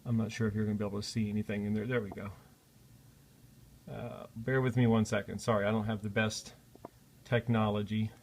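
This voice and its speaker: A man's voice: lowish voice, level tone, brisk, long pauses, a little mellow, a little hiss or hum. A man presenting a casual unboxing vlog, talking in a friendly, apologetic way with frequent "uh" fillers. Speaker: product reviewer.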